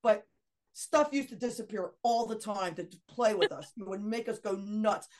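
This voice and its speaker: Middle-aged woman telling a lively story. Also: mid-range voice, normal speed. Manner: animated anecdote with laughs and quoted dialogue. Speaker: guest. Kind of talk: casual storytelling.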